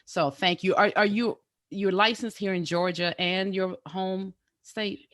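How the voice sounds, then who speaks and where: A woman's voice: mid-range voice, steady tone, a little slow, a bit bright, clean studio sound. A woman hosting a podcast who affirms her guest and echoes back her words. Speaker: podcast host. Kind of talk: casual interview talk.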